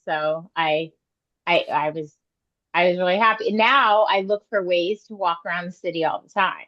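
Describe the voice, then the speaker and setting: A woman's voice: fairly low pitch, moderate pace, highs cut off. A woman in a coaching program describing her progress, hesitant and earnest. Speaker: program participant. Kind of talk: group coaching call.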